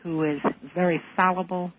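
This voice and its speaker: A woman calling into a radio talk show, speaking in an intense, deliberate and defiant way. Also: fairly low pitch, flat delivery, a little hiss or hum. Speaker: caller. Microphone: phone. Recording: tinny phone line.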